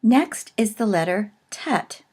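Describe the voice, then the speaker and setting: A woman teaching in a recorded video lesson, explaining slowly and carefully with pauses. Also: medium pitch, expressive, darkish tone, husky.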